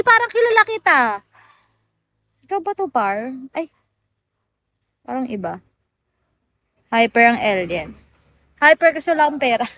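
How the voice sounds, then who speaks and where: A woman from the Philippines chats casually with viewers on a phone livestream, her voice sitting high. She teases, laughs often and slips easily between languages. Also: a bit bright, dry recording. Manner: playful and teasing, laughs often, mixes in English. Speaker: livestream host.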